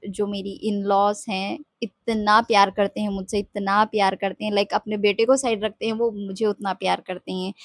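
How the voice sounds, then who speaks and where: A woman's voice: medium pitch, no echo, studio quality. A young woman coaching on mindset, talking earnestly and confidingly in a personal vlog, mixing in English and often checking in with "okay?". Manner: earnest, confiding, mixes Hindi with English, often asks "ठीक है?". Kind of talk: heartfelt personal vlog monologue.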